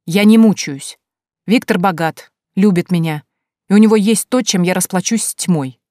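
A woman's voice: on the low side, moderate pace, dark tone, dry recording, clean studio sound, natural voice. A woman voicing an ambitious young witch. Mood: defiant. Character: young ambitious witch, eager, later cold and defiant.

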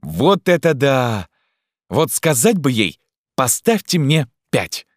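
A man's voice: mid-range voice, big pitch swings, extremely slow, a bit bright, dry recording, studio quality, pitched above the performer's own voice, exaggerated voice. A man voicing a mischievous, teasing little boy in a storybook. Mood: cheeky. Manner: cheeky, teasing. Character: mischievous restless little boy, giggling prankster.

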